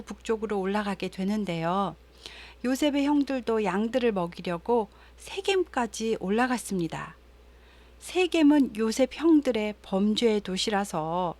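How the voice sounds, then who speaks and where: A woman narrating a Bible story in a gentle, explanatory storytelling manner. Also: medium pitch.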